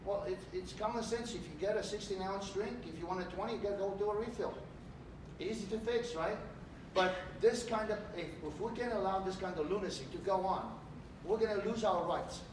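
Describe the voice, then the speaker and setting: A middle-aged man from Romania, a political candidate giving an animated campaign speech in a large hotel meeting room. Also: high-pitched, a little fast. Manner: animated, gesturing while speaking. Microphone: far camera. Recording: echoey room, distant mic, background noise.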